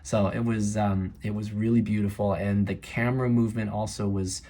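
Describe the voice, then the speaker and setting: A man giving casual, appreciative feedback as a judge, thinking aloud in a halting, searching way. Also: fairly low pitch, level tone, dark tone, slight background noise.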